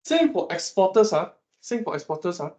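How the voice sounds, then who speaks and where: A Malaysian man lecturing his class on economics, animated and teasing as he quizzes students. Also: high voice, brisk, low-quality recording. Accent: Malaysian English.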